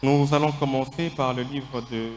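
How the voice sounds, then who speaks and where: A man preaching a sermon in short, deliberate phrases, with a lisp that makes his sibilants slushy. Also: medium pitch, steady tone. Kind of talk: sermon delivered phrase by phrase with pauses for an interpreter. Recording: echoey hall with long reverb, faint music.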